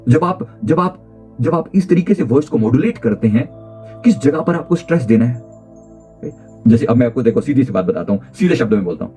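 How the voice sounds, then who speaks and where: A man as a life coach giving an emphatic motivational talk on communication skills. He repeats key phrases and swings his pitch and pace to show his point. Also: animated, fairly quick, dark tone, soft background music.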